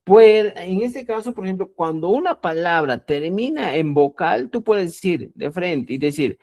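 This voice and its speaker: A woman giving a language lesson at an unhurried, careful pace. Her voice sits fairly low but swoops up and down with a lot of animation. She repeats key terms and keeps checking that her listeners are following. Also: lively intonation, dark tone. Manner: slow and deliberate, repeats key words and checks understanding with "¿ya?"; addresses listeners as "estimados amigos". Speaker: Quechua language teacher. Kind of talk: explanatory online language lesson.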